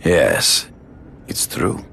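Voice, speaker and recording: An actor playing a proud, grandiose big-game hunter villain in a video game, gravelly, formal and solemn. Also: male voice, very slow, fairly bright tone, slight background noise. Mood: grave, subdued. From Russia (the figure). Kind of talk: dramatic video game acting. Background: music.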